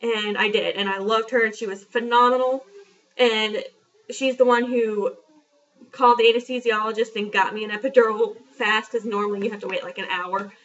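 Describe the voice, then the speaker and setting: A woman's voice: a little high, fairly even intonation, normal speed. Chatty young woman vlogging from a distance. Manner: chatty, frank and self-deprecating, with many fillers. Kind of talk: casual storytelling. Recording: dull lo-fi sound from a distance.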